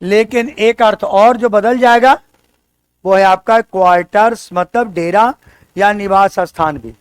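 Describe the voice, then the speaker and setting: A man teaching an exam-prep English lesson. His voice is high and smooth, and he takes his time, repeating each key word and quizzing his students. The sound is close and dry. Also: unhurried, dry recording.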